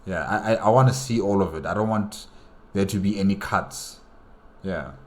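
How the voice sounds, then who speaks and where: A low-voiced man hosts a reaction video at normal speed. He speaks casually and hesitantly, circling back over phrases as he rambles through his thoughts.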